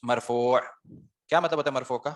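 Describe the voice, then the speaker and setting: A man's voice: mid-range voice, fairly even intonation. A man teaching an online Arabic grammar class, explaining step by step and putting questions to the students before answering them himself.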